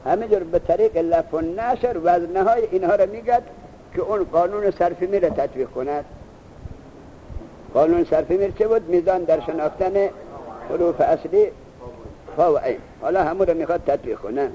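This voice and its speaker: A male teacher giving a classroom lesson, asking students quick questions and then reciting the answers himself. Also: high-pitched, warm tone, highs cut off.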